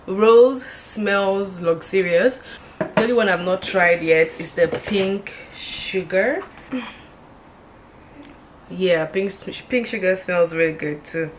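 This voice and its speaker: A woman in her twenties vlogs casually to camera, calling her viewers "guys" as she shows off things in her small bedroom. Her voice sits on the low side and moves slowly, with background noise around it. The camera mic picks her up from arm's length and from across the room.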